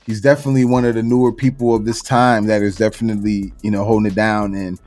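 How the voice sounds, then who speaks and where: A man's voice: lowish voice, flat delivery, quick pace, darkish tone, faint music behind. A man from Florida hosting a casual podcast chat, laid-back and slangy, going down a list with plenty of fillers. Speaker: podcast host.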